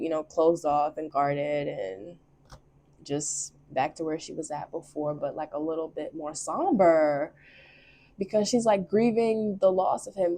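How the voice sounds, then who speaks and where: Chatty low-voiced woman reader. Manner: chatty, laughs often, expressive. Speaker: tarot reader. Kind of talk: casual chat.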